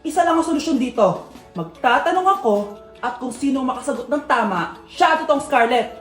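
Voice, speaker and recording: A woman with a Filipino accent playing a strict, sharp-tongued mother in a comedy skit, scolding and bossy. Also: sits high, lively intonation, fairly quick, reverberant, voice pushed down. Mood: stern. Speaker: skit performer. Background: background music.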